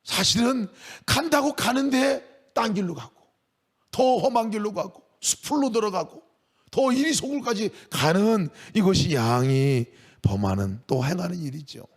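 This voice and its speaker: A middle-aged male pastor preaching a sermon, shifting between quiet explanation and loud, emphatic cries. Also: high-pitched, animated, a little slow, husky. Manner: emphatic, swings from quiet asides to raised cries.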